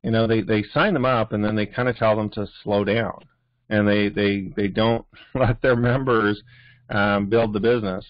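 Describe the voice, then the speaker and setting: A man with a Canadian accent and a lowish voice hosts a business training call, giving a casual motivational talk. He rambles, with lots of fillers and restarts, and the lo-fi recording has no echo.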